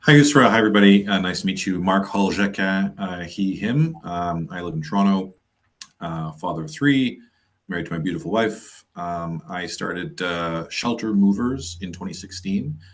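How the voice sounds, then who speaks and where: Friendly man with a very deep voice. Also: normal speed. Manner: friendly, with frequent fillers. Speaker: founder and panelist. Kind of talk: panel self-introduction.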